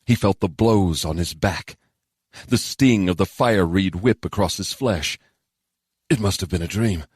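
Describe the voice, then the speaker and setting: A man narrating a fantasy novel in a steady, measured storytelling voice on a close studio mic. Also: deep voice, husky, no room sound. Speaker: audiobook narrator.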